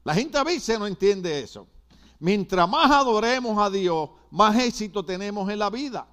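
A man's voice: high-pitched, lively intonation, normal speed, fairly bright tone. An older man from Puerto Rico with a Puerto Rican accent, preaching a sermon with emphatic repetitions and asides to the congregation. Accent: Puerto Rican Spanish. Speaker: pastor.

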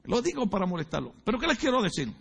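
A man's voice: high voice, big pitch swings, quick pace, creaky, fairly bright tone, slightly rough, lo-fi sound. A male pastor preaching a sermon in a church, joking and teasing the congregation and asking them questions. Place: church sanctuary.

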